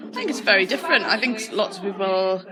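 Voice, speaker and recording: Casual woman violinist over a loud crowd. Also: mid-range voice, animated, quick pace. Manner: casual, hesitant, many fillers. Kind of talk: interview answers. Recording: loud crowd noise behind.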